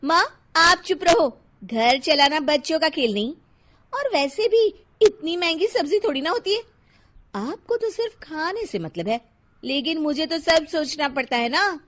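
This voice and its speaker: A woman voicing a stingy, sharp-tongued young housewife in an animated cartoon, scolding and bossy. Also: high-pitched, unhurried, voice pushed up, exaggerated voice.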